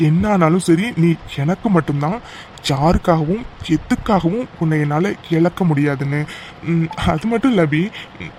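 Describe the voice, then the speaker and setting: A man's voice: high voice, a little mellow, a little hiss or hum, lightly acted. Aadhi, a man voicing an earnest young lover. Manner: earnest, affectionate, teasing. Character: young man, devoted lover, formerly grumpy. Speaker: narrating voice actor. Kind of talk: cartoon voice acting.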